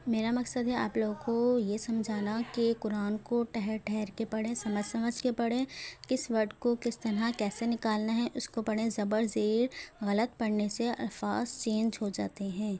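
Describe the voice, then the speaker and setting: A woman's voice: a little high, level tone, mellow, slight background noise. A woman teaching a religious lesson on Quran recitation, explaining carefully and repeating words to show how they are pronounced.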